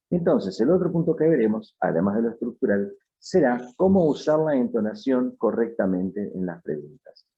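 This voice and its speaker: A man teaching a lesson in measured, explanatory scripted narration. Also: fairly low pitch. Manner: measured, explanatory, reads out example sentences. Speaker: English teacher. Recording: dull, lo-fi sound.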